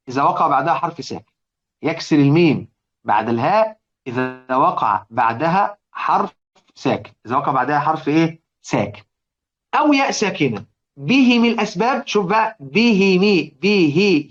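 A quick-speaking man with an Egyptian accent teaches Quran recitation in a classroom lecture. He repeats each example and keeps asking his listeners questions. His voice sits a little high, on a dull, lo-fi recording. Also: fairly bright tone. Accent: Egyptian Arabic.

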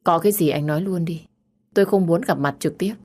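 A weary young woman, voiced by a woman narrator speaks in a low, drained voice. Her calm is restrained rather than soft. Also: fairly quick, lightly acted. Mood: curt, drained. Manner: tired, restrained. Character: weary, wounded young woman, quietly defiant.

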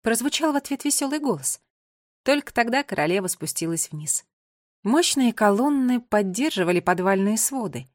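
A woman reading an audiobook in a measured, expressive storybook narration. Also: a little high, no room sound, studio quality.

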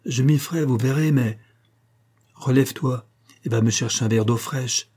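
A man voicing a kind invalid lady who speaks gently but firmly to her young servant, in a read-aloud novel. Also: medium pitch, normal speed, slightly rough, close to an everyday voice. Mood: gentle, firm. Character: kindly invalid lady, firm yet tender.

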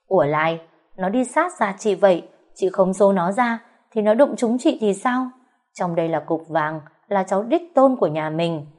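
A shrill, spoiled pregnant sister-in-law in an audio story, put on by a woman narrator. She speaks in a whiny, fake-sweet voice that sits higher than the narrator's own. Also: animated, moderate pace, darkish tone, lightly acted. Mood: haughty.

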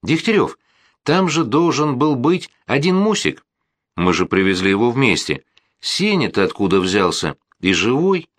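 Woman amateur sleuth, read by a man, argumentative, lively pitch, dry sound. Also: unhurried, no echo. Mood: astonished. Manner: pointed, argumentative questioning.

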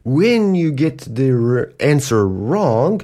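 Over music, a man hosting a podcast that teaches English explains words patiently and casually, acting out little example quotes in playful put-on voices. His mid-range voice is very animated, though his pace is slow.

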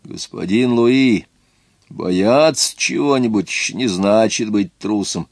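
A man's voice: on the low side, slow pace, gravelly, a little mellow, dry recording, studio quality, heavily acted. A man doing a stubborn superstitious peasant. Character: stubborn superstitious male peasant, plain-spoken.

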